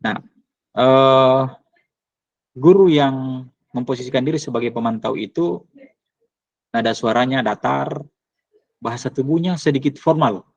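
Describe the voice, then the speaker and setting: A man presenting to teachers, speaking hesitantly with many pauses and fillers. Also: medium pitch, no room sound. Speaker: teacher trainer. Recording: dull lo-fi recording.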